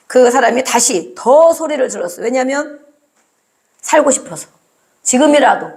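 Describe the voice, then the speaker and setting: A woman's voice: on the high side, vocal fry. A woman preaching a sermon, often asking the congregation questions and acting out cries.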